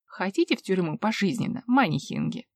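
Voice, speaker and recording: A woman's voice: mid-range voice, wildly swooping pitch, a little fast, darkish tone, no room sound. Woman reader voicing a brash male inspector: barking, accusing, dry close read.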